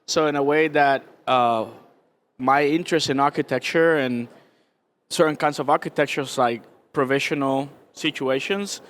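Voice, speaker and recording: A man from Cuba, speaking as a guest artist on a live panel in a halting way, full of pauses and restarts. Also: mid-range voice, a bit bright. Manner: hesitant, many fillers and restarts.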